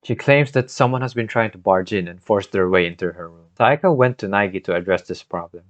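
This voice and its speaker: The recap of a video game plot comes from a man speaking briskly in a lowish voice, scripted and told in storytelling fashion. It's a dry, dull, lo-fi home mic recording with scuffs in parts.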